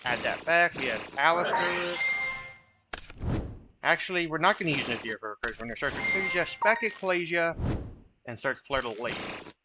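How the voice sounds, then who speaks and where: A man's voice: fairly high pitch, expressive, normal speed, long pauses, loud music behind the voice. A young man giving casual, chatty commentary over his own card game matches, joking at his own misplays. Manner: chatty, self-deprecating, occasional swearing.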